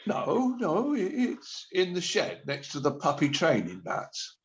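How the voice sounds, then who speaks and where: Taking a measured pace, a man with a slightly high voice swoops wildly in pitch, going full character voice as a sheepish, awkward shopper panic-buying at the supermarket in a radio play. He hesitates, stammers and evades throughout. The sound is lo-fi and slightly dull.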